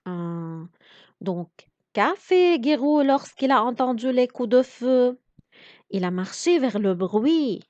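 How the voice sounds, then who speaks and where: A woman teaching a reading lesson, her high voice swinging up and down as she drags out each syllable. She over-articulates every sound so learners can follow. The recording is dry and dull, with a lo-fi edge. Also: big pitch swings, a little mellow, no room sound. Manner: slow, over-articulated, explaining pronunciation.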